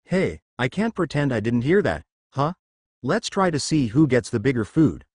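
A man's voice: mid-range voice, sing-song, moderate pace, darkish tone, no room sound, studio quality. A man voicing a brash, competitive young male cook, speaking in a challenging way.

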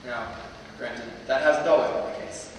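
This young man in his late teens gives a commencement speech at a large auditorium lectern, sincere but wryly funny. He speaks in a mid-range, steady voice at a moderate pace, and the distant stand-mic recording of the echoey hall carries heavy background noise.

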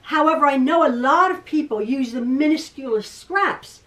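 A woman's voice: sits high, moderate pace, a bit bright. A middle-aged woman teaching quilting in her home sewing room, thinking aloud with restarts and self-corrections in a casual tutorial. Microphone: camera across a table, from a distance. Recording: voice a little far from the mic.

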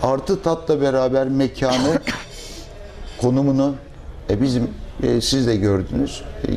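A middle-aged man, a restaurant owner, answering interview questions in a measured, thoughtful way with pauses and fillers, recorded on a lapel mic in a restaurant dining room. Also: mid-range voice, fairly even intonation, warm tone, soft background music.

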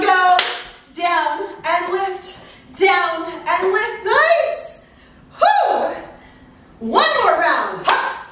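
Super echoey room, lady aerobics instructor calling moves and counts, upbeat, encouraging, real swoopy voice. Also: extremely high pitch. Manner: energetic, encouraging aerobics instructor, exerting while exercising. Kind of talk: upbeat workout coaching with called cues and countdowns. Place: living room at home, indoors. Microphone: far camera. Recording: echoey room, far microphone, faint noise.

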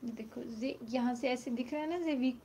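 A middle-aged woman selling used silk sarees on a live stream from home, speaking loudly into her phone and repeating the prices. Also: sits high, steady tone, normal speed, a little hiss or hum. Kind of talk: live-stream sales chat. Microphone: phone mic, no external microphone.

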